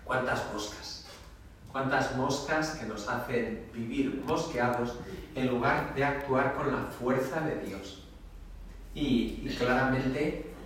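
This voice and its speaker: A man's voice: mid-range voice, slight background noise. A man, a priest, giving a homily in an emphatic, conversational preaching style. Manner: emphatic, conversational preaching with dramatic quoted voices. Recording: echoey church from far off.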